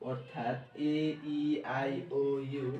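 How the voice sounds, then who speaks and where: A man's voice: mid-range voice, little pitch movement, slow, highs cut off, slight background noise. A male English grammar teacher with a Bangladeshi accent, giving a classroom lesson and asking questions he then answers himself. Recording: echoey room, voice from far off.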